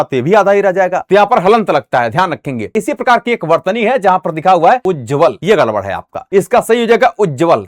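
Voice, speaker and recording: A man's voice: high-pitched, no echo, clean studio sound. A man with a Bihari accent teaching an exam-prep spelling lesson, explaining each point by speaking to his students.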